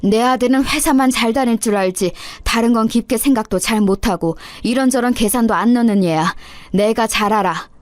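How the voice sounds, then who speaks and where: Woman voicing an older mother-in-law, stern, scolding, accusing, high pitched, dry sound, radio story. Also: dry recording, lightly acted.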